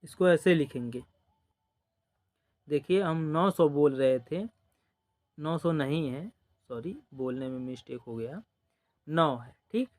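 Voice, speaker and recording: A man teaching a basic number-system lesson step by step, patiently repeating numbers and often saying "dekhiye" and "ok". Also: on the high side. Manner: explains patiently, repeats numbers, drawn-out counting. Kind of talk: slow step-by-step classroom teaching.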